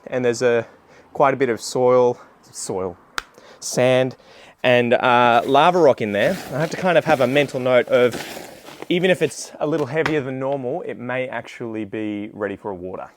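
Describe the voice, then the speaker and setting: A man's voice: medium pitch, moderate pace, a little hiss or hum. An Australian man chatting casually while demonstrating a task, in a rambling, self-deprecating, slangy way. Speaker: gardening video creator.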